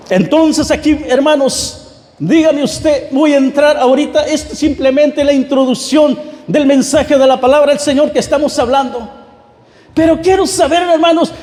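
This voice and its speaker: A man's very high, slightly mellow voice fills a big reverberant church as he delivers an impassioned Pentecostal-style sermon. Addressing the congregation head-on, he repeats and returns to his phrases, the hall's long echo trailing behind.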